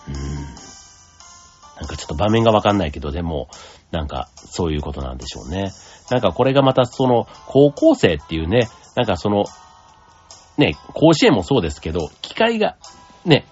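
A man hosting a casual solo talk show, relaxed and rambling with many fillers. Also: lowish voice, slightly rough. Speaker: podcast host. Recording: dull lo-fi sound with faint music.

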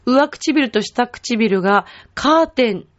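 A woman gives a patient singing lesson, demonstrating each sound before her listeners try it. Her pitch moves around a lot as she explains, climbing high and dipping low. The recording sounds slightly dull and lo-fi. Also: lively intonation, slow. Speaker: singing teacher. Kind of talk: vocal lesson. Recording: dull lo-fi web show audio.

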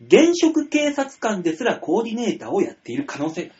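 A man hosting a casual comedy radio chat, joking and animated, now and then putting on silly voices. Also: sits high, brisk. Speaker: radio show host. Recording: dull lo-fi radio recording.

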